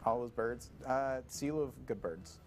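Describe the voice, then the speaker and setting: A young man with a voice of everyday middle pitch, co-hosting a student TV show in a college studio. He talks in a wry, playful way and hands out quick verdicts. A faint hiss sits under his microphone. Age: young adult. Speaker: co-host. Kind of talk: casual chat on a student TV show. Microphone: wearing a microphone.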